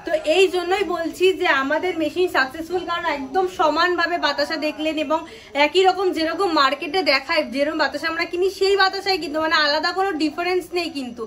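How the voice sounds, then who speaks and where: A woman's voice: fast, fairly bright tone. A woman, representing a machine maker and giving an upbeat, persuasive promotional talk during a demonstration. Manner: upbeat, persuasive sales pitch.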